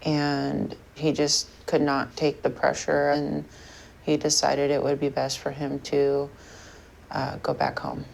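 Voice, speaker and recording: Low, gravelly woman, music behind. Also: monotone, slow pace, a little mellow, slight background noise. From Portland, Oregon. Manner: candid, downbeat. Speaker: reality show patient. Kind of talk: confessional interview.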